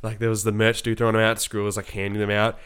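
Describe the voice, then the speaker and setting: A young man, co-hosting a podcast, telling an excited story in casual chat and acting out what people said. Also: on the low side, fast talker, smooth. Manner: excited storytelling, acts out quotes. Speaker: podcast co-host.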